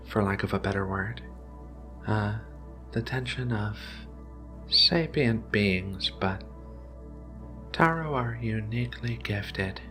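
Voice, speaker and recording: In a soothing, hesitant ASMR roleplay, a man with a lowish voice plays a character like Ragna: a gentle, caring, giant female feline alien researcher.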